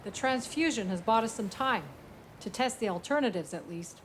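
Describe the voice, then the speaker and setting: A woman playing a calm, caring female medic in a mystery video game, composed and reassuring. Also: fairly high pitch, normal speed, slight background noise, lightly acted. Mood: measured.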